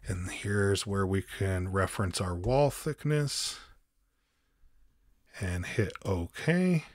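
A man giving a calm step-by-step software tutorial as host, with frequent ums. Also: low-pitched, slow, no echo, studio quality. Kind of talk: screen-recorded software tutorial.

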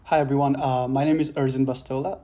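Flat, mellow young man from Nepal. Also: mid-range voice, fast. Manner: hesitant, with many fillers. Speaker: alumnus. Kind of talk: video call interview.

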